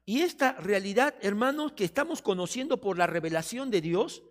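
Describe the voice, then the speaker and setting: A male pastor preaching a sermon, often acting out doubters and busy churchgoers in quick quoted asides. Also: high-pitched, expressive. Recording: long reverb of a church hall.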